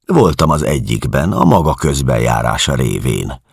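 A man voicing a weary male refugee who answers with sardonic calm. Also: very deep voice, creaky, slightly rough, no room sound, studio quality, heavily acted. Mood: sardonic defiant.

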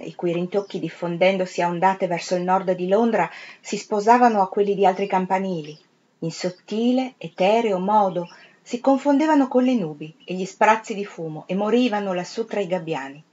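Woman reading a novel aloud, expressive. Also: mid-range voice, highs cut off. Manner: measured, expressive dramatic reading. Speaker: reader of literature. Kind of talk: literary audiobook reading.

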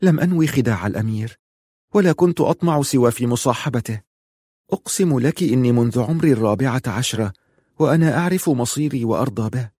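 A man's voice: medium pitch, dark tone, husky, dry recording, clean studio sound. A man voicing an earnest young woman in an audiobook, lifting his voice into a pleading tone.

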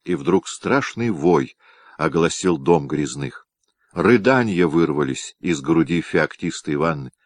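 A man narrates a historical novel in a deep, low voice, measured and expressive. The recording is dry and close, with no room around it. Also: dry recording. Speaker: audiobook narrator. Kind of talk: dramatic reading of a historical novel.

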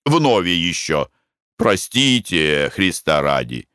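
A man voicing a rough, suspicious hotel corridor servant who barks accusations in an audiobook. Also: deep voice, sing-song, takes it slowly, dry recording, clean studio sound, heavily acted. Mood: apologetic. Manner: shouting, gruff accusations.

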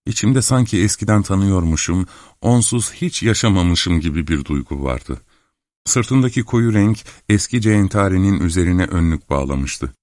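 A man calmly narrating a literary novel in the first person as an audiobook reader. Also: deep voice, no room sound. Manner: calm, measured storytelling.

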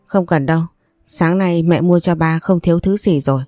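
Woman voicing older male boss, doting father, warm low tone. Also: moderate pace, dry recording, clean studio sound, soft background music, close to an everyday voice. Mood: indulgent. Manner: indulgent, fond.

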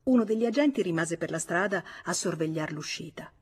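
Woman narrator for a literary audiobook; low, husky, measured. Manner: measured, even storytelling. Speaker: audiobook reader.

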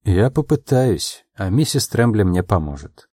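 A man voicing a calm, earnest young man in love in an audiobook, speaking quietly and in a measured way. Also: on the low side, breathy edge, dry recording, clean studio sound, heavily acted. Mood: reassuring.

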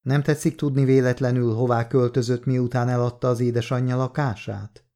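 A man reading the lines of a courteous male police detective who asks gentle, persistent questions, in an audiobook. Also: mid-range voice, little pitch movement, close to an everyday voice.

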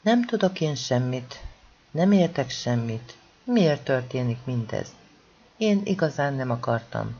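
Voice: mid-range voice, sing-song, darkish tone, highs cut off. An audiobook reader voicing a distraught woman on a farm who pleads and then lashes out shrilly. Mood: desperate.

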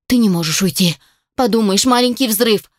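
A woman's voice: mid-range voice, normal speed, no room sound, clean studio sound, natural voice. A woman voicing a flustered male dragon inventor in an audiobook, speaking in a placating, soothing way. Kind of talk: audiobook character voice.

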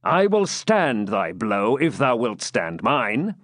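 A man voicing an armored knight who answers threats with calm, mocking courtesy. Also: medium pitch, slow, no room sound, studio quality, full character voice. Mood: teasing. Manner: composed, mildly mocking.

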